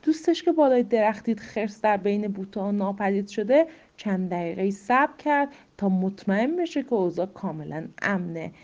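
A woman narrates a story slowly, building suspense and often dropping to a whisper. Her tone is mellow and dark. The recording sounds muffled and lo-fi. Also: mid-range voice. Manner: slow suspenseful reading, drops to whispers.

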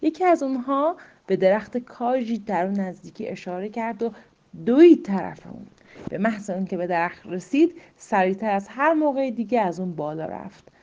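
Woman storyteller, slow suspenseful reading, whispery drops, mellow dark tone, muffled lo-fi sound. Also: medium pitch, lively intonation. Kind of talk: dramatic story narration. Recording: muffled lo-fi recording.

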